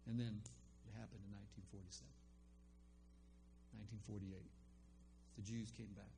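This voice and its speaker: Speaking over music, an older man with a fairly low, gravelly voice keeps a level tone and moderate pace. He rambles through a personal story about a faith conversation, a casual testimony peppered with ums and restarts.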